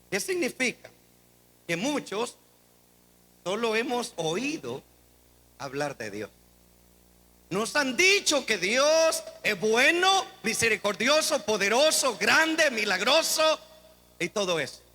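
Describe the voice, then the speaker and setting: A man preaching a dramatic sermon as pastor, swinging between shouts and quiet asides. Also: very high-pitched, sing-song, slow pace, pauses often. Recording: long hall reverb.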